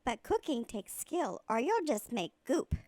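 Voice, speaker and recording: A woman voicing a sweet little old granny with a creaky voice, reading a storybook aloud. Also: fairly high pitch, sing-song, unhurried, mellow, dry recording. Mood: sweet, storytelling.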